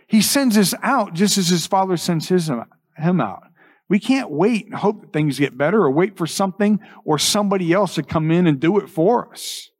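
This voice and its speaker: A man with a somewhat high voice delivers a church sermon. He exhorts his congregation earnestly, repeating key phrases and pausing deliberately for emphasis. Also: animated. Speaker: pastor.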